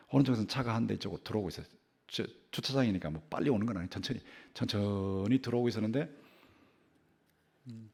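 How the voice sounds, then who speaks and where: Older male pastor, sermon, husky voice, animated rising and falling delivery. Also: mid-range voice. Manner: animated storytelling with repeated phrases, voice rising and dropping sharply. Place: church sanctuary.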